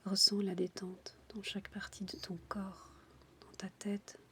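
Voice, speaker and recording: Slow, intimate whispering woman. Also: mid-range voice, monotone, sharp tone, slight background noise. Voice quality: breathy, unvoiced intimate whisper. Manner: soothing, slow, instructing the listener directly. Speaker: relaxation guide for childbirth. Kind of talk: whispered ASMR guided relaxation.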